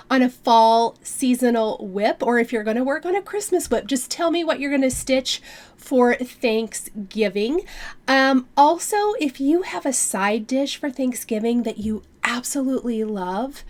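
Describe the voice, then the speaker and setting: Friendly woman, nasal from a cold, higher voice, casual vlog chatter. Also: lively intonation, moderate pace. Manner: chatty, friendly, many fillers. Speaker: cross stitch vlogger. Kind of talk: casual chat to camera.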